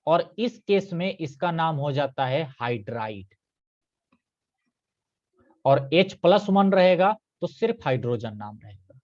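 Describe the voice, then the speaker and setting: Male teacher, live online chemistry lesson, patient, repeats points, fairly high voice, muffled lo-fi audio. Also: very animated, takes it slowly, long pauses, darkish tone. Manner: patient, repeats key points with checking questions.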